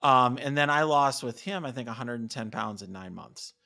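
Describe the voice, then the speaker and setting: A man's voice: mid-range voice, expressive, moderate pace, gravelly, sharp tone. Guy cohosting a podcast, bit winded, lots of um and you know, casual chat. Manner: chatty, lots of fillers and restarts. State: slightly out of breath. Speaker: podcast co-host. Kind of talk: casual conversation.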